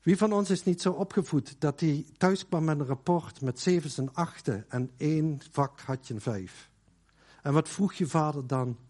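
A man from the Netherlands preaching to his congregation in a casual, storytelling sermon. His voice sits a little high, he pads his sentences with fillers, and he drops to a near hush for quoted words. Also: normal speed.

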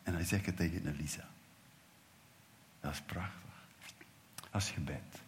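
A man preaches with a low, deep voice. He tells the story vividly, voicing its characters and swinging from loud to a hushed whisper. The church around him carries a long, trailing reverb. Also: unhurried, a little hiss or hum. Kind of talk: sermon.

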